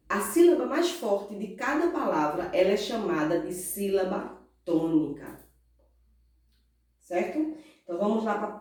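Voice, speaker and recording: A woman with a Brazilian Portuguese accent teaching a recorded class, slow and patient, stretching out stressed syllables and asking the pupils questions. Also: mid-range voice, warm tone. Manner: asks pupils questions and answers in their voice. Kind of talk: recorded remote class lesson. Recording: roomy echo, far from mic.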